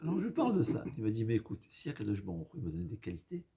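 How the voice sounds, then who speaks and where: A man with a foreign accent in French, not his native language, giving an informal Torah lesson, haltingly repeating and rephrasing and mixing in Hebrew quotations. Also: fairly low pitch, huge pitch swings, vocal fry, mellow. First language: not a native French speaker. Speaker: rabbi giving a religious lesson.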